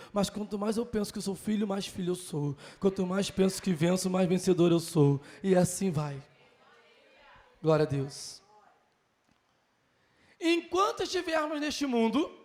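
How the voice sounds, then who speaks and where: A man's voice: sits high, a little mellow. A man with a Brazilian Portuguese accent teaching a Sunday school Bible lesson, earnest, repeating key phrases and calling listeners brother.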